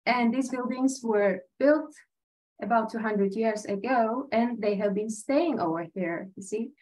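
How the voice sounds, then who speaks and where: This woman's voice is fairly high, unhurried and darkish, captured in a rough recording. She's from Tajikistan and talks earnestly and conversationally, with lots of fillers, about her teaching exchange during an online slide-based panel presentation held over video call.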